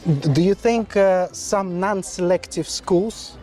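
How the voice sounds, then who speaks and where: Man in his 40s, high voice, halting interviewer with faint music behind. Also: mellow. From Kazakhstan. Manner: halting, hesitant with frequent pauses. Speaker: interviewer and education agent. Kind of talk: conversational interview.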